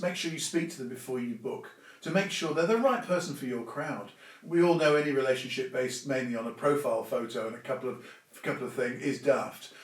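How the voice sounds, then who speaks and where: A man gives an informal, instructive talk in an emphatic, conversational manner. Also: mid-range voice. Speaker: stage hypnosis presenter giving advice. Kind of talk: informal explanatory talk to camera or audience. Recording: echoey room, distant microphone.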